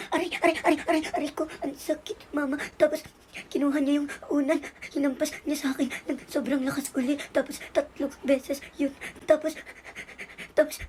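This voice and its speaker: A woman's voice: high voice, a little hiss or hum, lightly acted. A woman playing a small child who tattles in a whiny voice.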